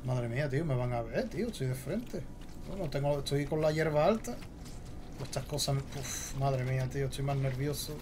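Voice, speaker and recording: A man with a Spain Spanish accent giving jumpy, excitable let's play commentary while he plays. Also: medium pitch, normal speed, background noise. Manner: jumpy, excitable, talks to himself. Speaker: gaming host.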